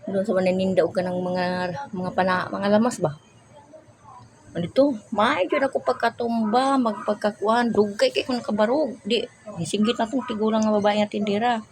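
An older woman tells a long personal story in a relaxed, rambling way. She often stops to search for words. Her voice sits in a middle pitch, and a steady hiss of noise runs under the recording. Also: normal speed. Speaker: vlogger. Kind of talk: casual chat.

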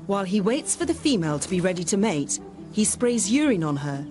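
A woman's voice: mid-range voice, sing-song, brisk, darkish tone, soft background music. A woman reading scripted narration for a nature documentary.

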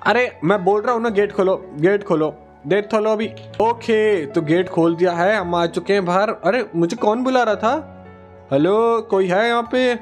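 A gaming-channel host, a man with a high voice, narrates and plays his characters over the action. He is excitable and repeats his calls again and again, with faint music under him. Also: moderate pace. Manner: excitable, repetitive shouting. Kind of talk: voicing game characters over gameplay.

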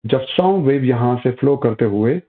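A man's voice: medium pitch, expressive, normal speed. A male physics teacher giving a classroom lecture, explaining step by step, asking questions and answering them himself, calling students "beta". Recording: tinny phone-like audio.

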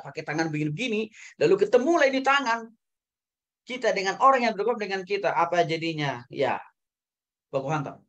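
A man, a pastor, giving a lecture to a Bible school class, animated, swinging between loud emphatic highs and soft low asides and often tagging his phrases with a quick "ya" or "saudara".

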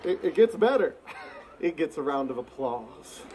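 A man's voice: a little high, sing-song, moderate pace. A middle-aged man doing playful, wry comedy patter as a stage performer at an outdoor fair, projecting like a showman. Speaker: fair stage performer, fire and whip act. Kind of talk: live street-show comedy patter. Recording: noisy outdoor crowd recording from audience. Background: crowd noise and laughter.

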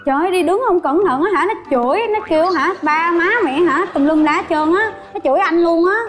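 A woman's voice: extremely high pitch, fairly quick, soft background music. A woman, a show guest telling her husband a complaining story over the phone.

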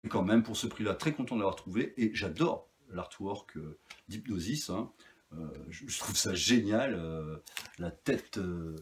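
Brief: male record collector, lowish voice, chatty, meandering, lots of hesitations. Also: lively intonation, a little slow. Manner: chatty, rambling, many fillers and restarts. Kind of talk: casual vinyl haul review.

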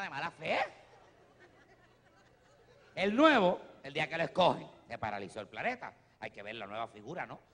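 A Puerto Rican comedian performing stand-up on a theater stage, talking in a lively way with big swings in his voice. His tone is fairly high and gravelly, and it rings with a long echo off the hall. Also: slight background noise. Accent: Puerto Rican Spanish. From Puerto Rico. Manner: animated, swings from low asides to loud shouts.

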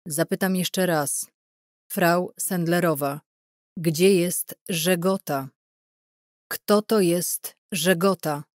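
A woman narrator voicing a male interrogator in a wartime audiobook, speaking in a slow, measured, quietly coaxing way. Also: fairly low pitch, no echo, studio quality. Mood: stern. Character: male German interrogator, coldly persuasive. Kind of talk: audiobook character reading.

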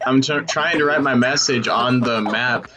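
A man's voice: medium pitch, normal speed, a crowd in the background. Young male player on voice chat, dry jokes, other lobby voices behind. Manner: dry joking commentary. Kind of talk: casual voice chat in a game lobby.

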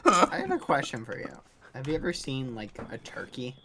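A man's voice: mid-range voice, huge pitch swings, moderate pace, noisy background. A man joking around with friends over a voice call, setting up a teasing gag. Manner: jokey, sets up playful teasing. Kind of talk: casual gaming chat on a voice call.

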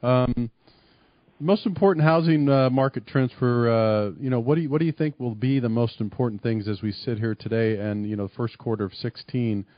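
A man's voice: medium pitch, normal speed, no echo, highs cut off. Man hosting a radio talk show. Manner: casual, friendly questions with fillers.

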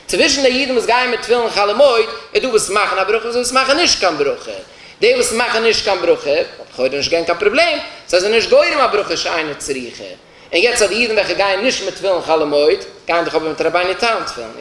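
A man's voice: high voice, a bit bright. A man, a rabbi, giving a religious law lecture and explaining points by posing questions and then answering them. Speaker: rabbi teaching a Torah class. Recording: roomy echoey room.

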